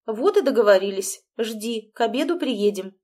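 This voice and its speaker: A fussy middle-aged mother who keeps pressing with reproachful questions, as a woman reads her in an audiobook. The voice sits raised and bright, with lively rises. It comes across as a storybook parent who will not let a matter drop. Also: a little high, moderate pace. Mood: insistent. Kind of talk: audiobook dialogue.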